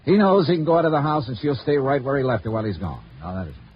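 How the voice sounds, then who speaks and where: Playing the brisk, cynical, commanding hardboiled insurance investigator of a 1950s radio detective show, a male actor delivers clipped first-person narration and questioning, wry and pressing. He speaks fast and expressively at a medium pitch, with a breathy edge. Music plays behind him on a dull vintage radio recording.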